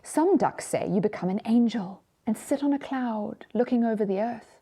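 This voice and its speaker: A storyteller voicing an anxious, curious, excitable female duck in a children's storybook, chattering and questioning. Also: medium pitch, normal speed, slightly rough. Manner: chattering, questioning, easily delighted.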